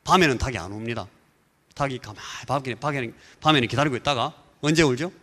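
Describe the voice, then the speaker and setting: A Korean man delivers a Sunday sermon with lively storytelling, now and then imitating rooster crows and the voices of people in the story. His voice sits at an ordinary middle pitch. A long church-hall reverb trails after his words. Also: fast. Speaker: pastor. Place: church sanctuary.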